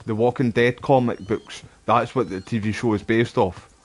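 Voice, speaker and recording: A man's voice: mid-range voice, fairly even intonation, moderate pace. A man with a Glasgow street accent chats casually as he plays a game. He rambles along in local slang, with cheeky, sweary banter aimed at whoever is in front of him. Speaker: gaming streamer. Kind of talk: casual gameplay commentary, rambling chat.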